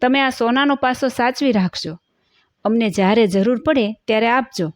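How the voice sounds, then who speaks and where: A woman voicing a calm elderly male guru who admonishes in a measured way. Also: on the high side, dry recording, studio quality, natural voice. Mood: patient.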